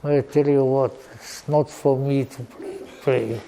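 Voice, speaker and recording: An elderly man with a Hungarian accent giving an informal, rambling talk in a halting, deliberate manner, with formal old-fashioned wording and dry humour. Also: mid-range voice, steady tone, warm tone, slight background noise. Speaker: lecturer. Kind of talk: informal rambling reminiscence to an audience.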